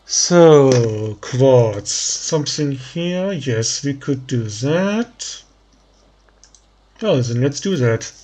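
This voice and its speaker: A man with a German accent giving tired, slow let's play commentary, thinking aloud with many pauses and ums. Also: medium pitch, lively intonation, dark tone. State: tired, yawning. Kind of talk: relaxed gameplay commentary.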